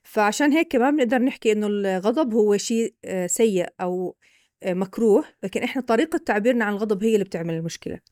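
Levantine lady breaking it down for the host, talks super quick, dry close sound. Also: mid-range voice, a little mellow, no echo. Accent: Levantine Arabic. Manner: patient, explaining with examples. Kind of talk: explanatory podcast talk.

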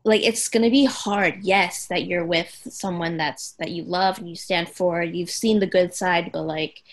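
A woman's voice: on the low side, fairly even intonation, unhurried. A young woman co-hosting a podcast, talking in a rambling, emotional way with lots of "like". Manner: rambling, heavy use of "like", emotional. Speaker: podcast co-host. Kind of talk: casual chat.

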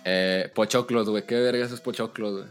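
A man's voice: fairly low pitch, fairly even intonation, a little fast, soft background music. A Mexican man with a Mexican accent hosting a casual podcast chat, slangy and swearing, just woken up. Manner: slangy, swears a lot, says güey constantly. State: just woke up. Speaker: podcast host.

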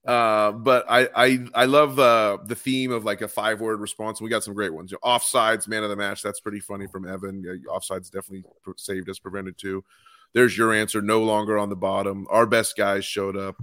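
Chatty low-voiced man co-hosting a podcast. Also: level tone, fairly quick, a bit bright, no echo, clean studio sound. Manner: enthusiastic, chatty, reads fan tweets aloud. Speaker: podcast co-host. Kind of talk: casual chat.

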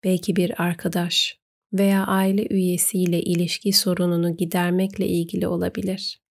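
A woman narrating a guided meditation, giving gentle, unhurried instructions with pauses. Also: on the low side, flat delivery, creaky.

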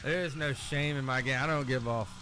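A man in his forties hosting a casual chat, loud, joking and swearing freely. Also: medium pitch, brisk, over music. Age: 40s. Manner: profane, boisterous, jokey. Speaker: podcast host.

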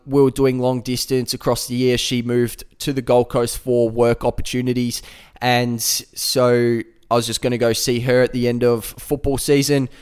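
A young man from Adelaide with a South Australian accent, hosting his own podcast in a relaxed, rambling way with plenty of fillers. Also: mid-range voice, clear, resonant tone. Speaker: podcast host. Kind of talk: casual solo podcast talk.

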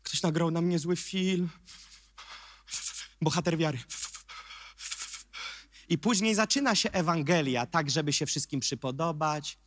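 A Polish man preaching a sermon in an emphatic, sarcastic way that builds to shouts. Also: fairly high pitch, unhurried, long pauses, no echo, clean studio sound.

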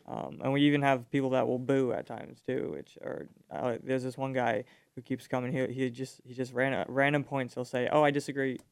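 Smooth, gravelly young man guest. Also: mid-range voice, little pitch movement, moderate pace, few pauses, no echo. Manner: easygoing, many ums and likes. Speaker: ministry guest, reservist. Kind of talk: casual interview answers.

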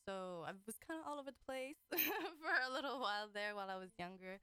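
A giggly, chatty woman in her twenties, from the Caribbean and raised in Trinidad and the British Virgin Islands, chats casually as a guest on a radio show, acting out her own remarks. Her voice is fairly high, sharp, and clean, with lively intonation and a slightly fast pace. The recording is studio quality with no echo.

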